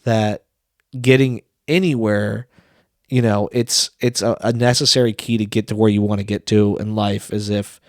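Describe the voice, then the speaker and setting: Rambling energetic podcast co-host man. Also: on the low side, no room sound, studio quality. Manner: rambling, many restarts and fillers. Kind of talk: casual podcast chat.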